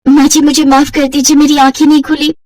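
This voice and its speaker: A woman's voice: high-pitched, level tone, brisk, darkish tone, no room sound, distant mic, pitched above the performer's own voice, lightly acted. A woman voicing a timid, anxious young bride who pleads and stammers. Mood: worried.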